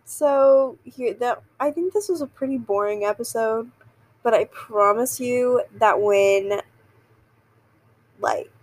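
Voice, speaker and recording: A woman's voice: on the high side, rough recording. Giggly rambling young woman podcaster. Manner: rambling, giggly, self-deprecating. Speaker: podcast host. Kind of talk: casual solo podcast chat.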